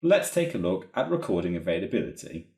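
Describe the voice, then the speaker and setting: A software trainer with a fairly low voice narrates an instructional walkthrough, explaining each step methodically with lively, varied intonation. He talks a little fast with some vocal fry, and the recording is roomy and echoey.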